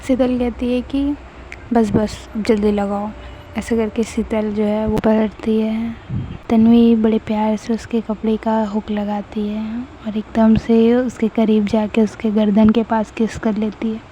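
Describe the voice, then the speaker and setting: A woman's voice: a little high, flat delivery, measured pace, dark tone, a little hiss or hum, rough recording. A woman narrating a love story and voicing both lovers' lines herself in a playful, teasing way. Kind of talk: narrated story reading with acted dialogue.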